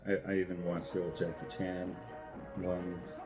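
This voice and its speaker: A man's voice: deep voice, monotone, unhurried, loud music behind the voice. A man talking casually in a personal vlog, telling anecdotes and thinking aloud with some hesitation. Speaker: vlogger, first-time ice bath participant.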